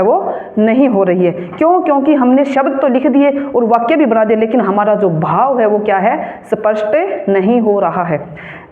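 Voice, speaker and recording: A woman teacher leads a grammar lesson, dictating slowly and repeating each phrase for her students to copy. Her voice rings around an echoey classroom and comes through a narrow, tinny, phone-like recording. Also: on the high side. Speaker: school teacher.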